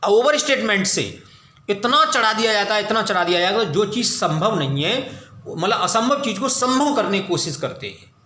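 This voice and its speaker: A man's voice: high-pitched, lively intonation, pushed and bright. A man teaching an English class, explaining in Hindi, asking and answering his own questions and calling his students "beta". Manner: explains in Hindi, reads English definitions slowly. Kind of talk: classroom lecture. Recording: echoey room.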